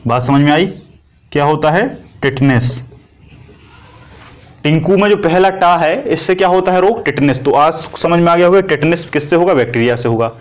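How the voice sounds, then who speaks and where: Higher-pitched man teaching a class. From India. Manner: repetitive, asks and answers own questions. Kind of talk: coaching class lecture.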